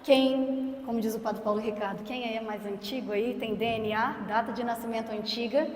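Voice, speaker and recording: A woman's voice: a little high, fairly even intonation, moderate pace. A young Brazilian woman teaching a parish consecration class, playful and questioning her audience. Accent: Brazilian Portuguese. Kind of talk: lively parish teaching talk. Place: church hall. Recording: echoey hall with long reverb.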